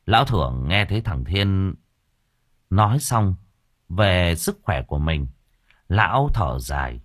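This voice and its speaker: A man narrates an audiobook in a crude, colloquial way. His voice sits low but moves a lot. The recording is dry and close. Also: measured pace, no echo. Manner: lively, crude colloquial storytelling. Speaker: storyteller.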